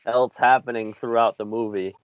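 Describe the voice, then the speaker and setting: A man's voice: medium pitch, fairly even intonation, moderate pace, a little hiss or hum. A man co-hosting a movie podcast, easygoing and full of "you know" and "like" fillers. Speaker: podcast co-host. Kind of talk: casual movie chat. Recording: dry, dull lo-fi mic.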